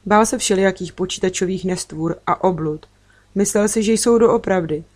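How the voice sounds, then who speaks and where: A woman's voice: mid-range voice, darkish tone. Woman reading a children's story. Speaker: audiobook reader. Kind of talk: first-person storybook narration.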